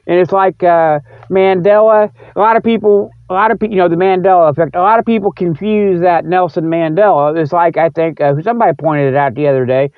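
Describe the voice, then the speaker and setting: A podcast host rambles casually through a solo talk-show monologue, folksy, repetitive and stop-and-start. His voice is on the high side with a clean tone and no room sound, though the recording is narrow and phone-like.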